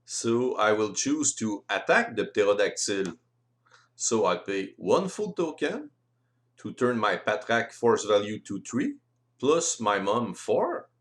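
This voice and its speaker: A native French speaker explains game rules as an instructional voice-over in careful, halting English. His voice is on the low side and very animated.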